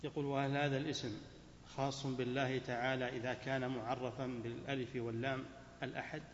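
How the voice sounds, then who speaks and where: A man's voice: medium pitch, level tone, quick pace, slight background noise. A man formally reading out questions to a sheikh, opening each with a respectful address. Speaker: question reader. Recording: dull echoey hall recording.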